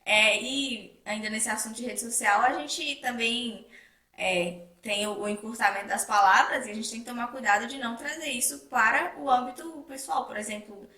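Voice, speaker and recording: A young woman co-hosting a casual chat, relaxed and agreeable, thinking out loud as she talks. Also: a little high, moderate pace. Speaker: co-host. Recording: echoey room, mic at a distance.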